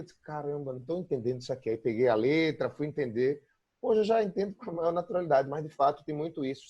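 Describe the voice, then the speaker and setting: Husky Brazilian man interviewing. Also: medium pitch, mellow, highs cut off. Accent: Brazilian Portuguese. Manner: chatty, frequent "né?" tags. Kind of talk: casual interview chat.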